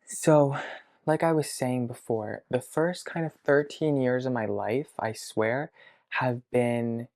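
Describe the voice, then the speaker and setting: A man of about twenty talking to his future self in a video diary from his childhood bedroom, hesitant and reflective, pausing to think aloud. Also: mid-range voice, darkish tone. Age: around 20. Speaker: vlogger.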